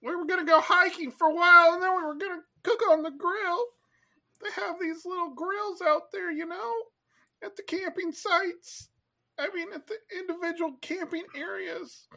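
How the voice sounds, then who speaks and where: A very high, bright voice of a nervous cat who rambles and chokes up, as a woman plays him. The comedy sketch keeps him teary and backtracking. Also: steady tone, normal speed, gravelly, exaggerated voice. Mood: rambling.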